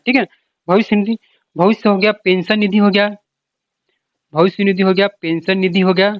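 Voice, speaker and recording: In a dull, lo-fi recording with no echo, a high-voiced man coaches for exams in a loose lecture style, circling back over points and fielding his own questions.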